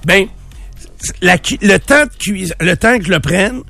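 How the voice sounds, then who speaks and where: A man's voice: high-pitched, lively intonation, a little slow, creaky, pushed and bright. Man, Quebec French accent, radio host, joking, fillers, light music behind. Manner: joking, chatty, many fillers. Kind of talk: morning radio talk and weather. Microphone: studio microphone.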